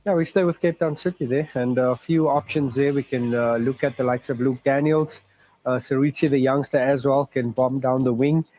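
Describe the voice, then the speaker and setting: A man giving studio football analysis as a pundit, in halting phrases. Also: medium pitch, fairly even intonation, darkish tone, poor audio.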